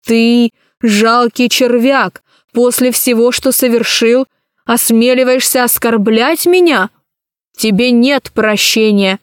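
A woman's voice: a little high, takes it slowly, clean tone, no echo, clean studio sound. A woman voicing a proud, dignified empress who speaks with stately scorn. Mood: scornful.

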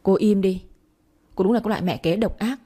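Old storybook grandma, protective and fierce, woman doing it, warm husky voice. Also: mid-range voice, a little fast, natural voice. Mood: indignant. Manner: protective, scolding others sharply.

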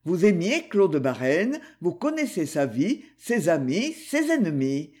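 A hunted male taxi driver from a storybook, firm and earnest, as read by a woman narrator. The delivery is slow and measured with a lively rise and fall. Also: lowish voice. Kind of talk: audiobook character voice.

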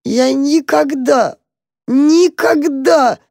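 A reader voicing an old gentleman mole, pompous yet kindly and easily moved to tears, in a storybook reading. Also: mid-range voice, big pitch swings, normal speed, no room sound, clean studio sound, pitched above the performer's own voice. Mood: sobbing.

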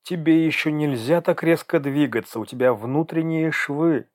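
A man doing a calm, soothing woman doctor. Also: fairly high pitch, moderate pace, no room sound, studio quality, voice pushed up, lightly acted. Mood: reassuring. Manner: soothing, reassuring. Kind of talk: audiobook character reading.

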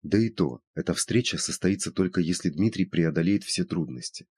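A man narrates a novel in a steady, measured way. His voice is very deep and husky, yet his pitch moves with a lively range. The recording is dry and close. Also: no room sound. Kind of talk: audiobook narration.

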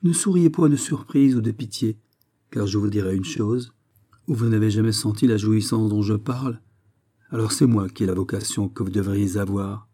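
An exalted young society lady from a storybook presses her strange request, her words rising with fervor. A man reads her, his voice dark and slightly husky, pitched a little low. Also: normal speed, natural voice. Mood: impassioned. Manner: pleading, exalted. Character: passionate young society lady, bored of salons. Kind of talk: read-aloud story.

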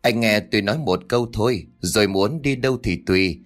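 Một người đàn ông đóng vai cô hầu gái trẻ lẳng lơ, ranh mãnh, nói giọng dỗ dành. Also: male voice, on the low side, a little fast, faint music behind, natural voice. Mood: sly seductive. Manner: coaxing, sly tone.

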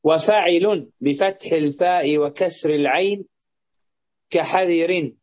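A man reading a grammar text aloud in a lesson, in a steady, careful recitation. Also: on the high side, slow pace. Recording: dull lo-fi lesson recording.

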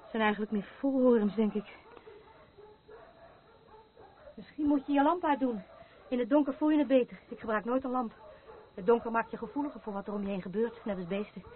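This radio play actress talks fast in a natural voice on the high side, playing an anxious, troubled woman who considers herself a night watcher and harbinger of doom. The mood is eerie and earnest as she rambles hauntedly from one thought to the next. Her audio is muffled and phone-like, with background noise.

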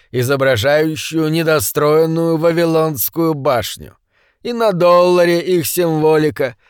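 A riled-up male conspiracy believer in a storybook reading, put on by a man narrating. He talks with insistent heat in a fairly high voice, recorded close and dry. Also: clear, resonant tone, no room sound, close to an everyday voice. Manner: heated, insistent.

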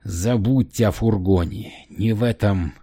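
An angry male leader who demands answers in a forceful, accusing voice, as a man reading the book puts him on. The tone stays low and dark under the pressure. Audiobook character reading. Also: a little slow, breathy edge.

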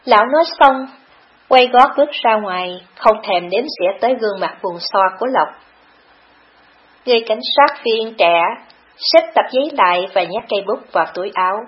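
A woman narrating a long audiobook in a steady, dramatic storytelling manner. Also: fairly high pitch, normal speed. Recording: dull lo-fi recording.

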